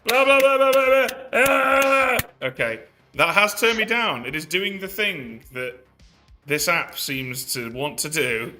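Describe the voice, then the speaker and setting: Man, casual stream chat, very bright sharp tone, uneven auto gain, level pumping, handheld device mic, swears, joking. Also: high-pitched, animated, measured pace, faint music behind. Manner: frank, swears often, joking. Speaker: game player on a live stream. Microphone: built-in mic of a handheld gaming device.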